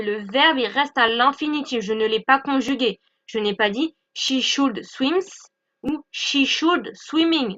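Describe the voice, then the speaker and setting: High bright-voiced woman teaching grammar. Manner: patient, repeats points with "d'accord?" checks. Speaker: English teacher. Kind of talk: explaining an English grammar lesson. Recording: dull lo-fi recording.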